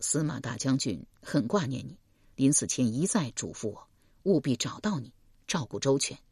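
A woman voicing a gentle, wounded young man in an audiobook, speaking softly and tenderly. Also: rumbling low, lively intonation, normal speed, slightly rough, no room sound, studio quality, voice pushed down, heavily acted. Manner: soft, tender.

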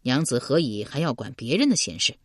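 A woman's voice: very deep voice, fairly quick, no echo, studio quality, pitched below the performer's own voice, full character voice. Woman voicing a cool, teasing male assassin. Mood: calm. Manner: calm, teasing.

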